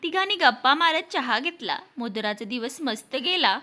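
A woman reading a family story aloud, with expressive storytelling and voices for the characters. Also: sits high, normal speed.

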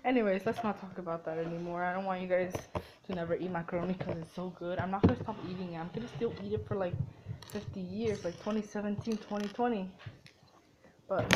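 A young woman from a Mexican family chatting casually while cooking, full of "like" and "dude" and quick to say "ew". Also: medium pitch, steady tone, heavy background noise. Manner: chatty and easily grossed out, lots of "like" and "dude". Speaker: vlogger. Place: dim home kitchen.

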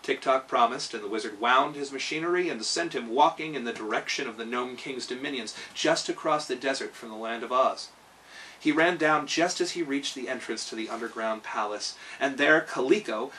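In a small room at home, a storyteller and host in his thirties reads a children's story with dramatic emphasis. His medium-pitched voice is pushed and bright at a moderate pace, but he's far from the mic, with slight background noise and poor audio.

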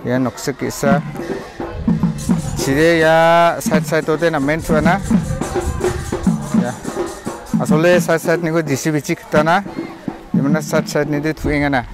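A man's voice: on the high side, steady tone, unhurried, long pauses, loud music behind the voice. Garo-accented man vlogging by a pond. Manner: rambling, repetitive, addresses viewers directly. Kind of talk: casual walking tour narration. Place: outdoors by a village pond.

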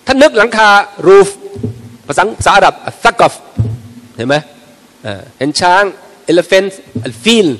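High-voiced man teaching in a reverberant mosque. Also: slow pace, long pauses. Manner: lively storyteller who acts out little everyday scenes. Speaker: Islamic religious teacher. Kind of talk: informal religious lecture. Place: mosque prayer hall. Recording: long reverb of a large prayer hall.

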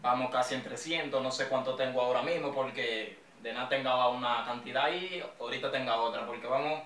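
A man's voice: medium pitch, brisk, a bit bright. A young man with a Dominican accent, vlogging in a rowdy, joking, slangy way. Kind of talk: casual street-slang vlog. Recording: echoey room, mic a bit distant.

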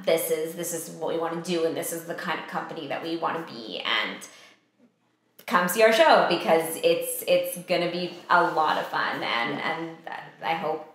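A young woman, a theatre company co-founder, chatting casually and asking questions in a relaxed way. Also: low voice, normal speed. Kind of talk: casual conversation. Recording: very echoey room.

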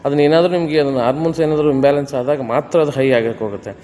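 A man's voice: mid-range voice, fairly even intonation, rapid-fire, warm tone, a little hiss or hum. A male fitness trainer, coaching a woman through a workout with firm, repeated commands and tips. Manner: firm, repetitive gym commands mixed with explanation. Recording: roomy reverb with music behind.

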